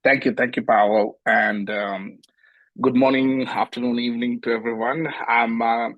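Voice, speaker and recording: A middle-aged man from Sri Lanka, a nonprofit founder speaking on an online panel in a measured way, with many fillers and restarts. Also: mid-range voice, level tone, dry recording, muffled recording. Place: home, early morning.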